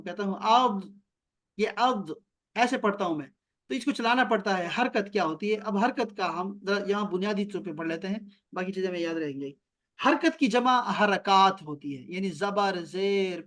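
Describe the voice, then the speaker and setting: High-voiced man teaching an online class. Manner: explains step by step, repeats key terms slowly. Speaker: Arabic teacher. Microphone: video call.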